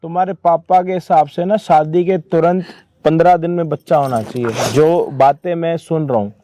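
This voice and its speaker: High-voiced man, lecturing. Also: fairly even intonation, moderate pace, dark tone, no room sound. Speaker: host explaining a staged family dispute. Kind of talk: casual commentary.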